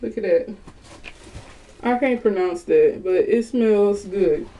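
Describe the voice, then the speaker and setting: A woman vlogger with a dark, medium-pitched voice speaks slowly yet animatedly to her viewers in a casual haul video, filmed on a webcam in a small bedroom.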